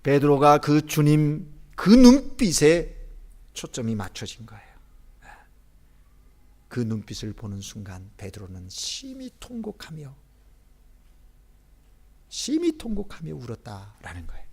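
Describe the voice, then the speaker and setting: Pastor swinging from booming to whispered. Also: male voice, huge pitch swings, a little slow, long pauses. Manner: dramatic swings from loud emphasis to hushed whispers; rhetorical questions to the congregation. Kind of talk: sermon. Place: church sanctuary during Sunday service.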